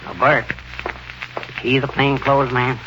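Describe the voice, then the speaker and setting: A man playing an excitable, nosy old hotel clerk with folksy, stammering speech in 1940s radio style. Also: medium pitch, unhurried, highs cut off, natural voice. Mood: suspicious. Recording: old radio recording, faint noise.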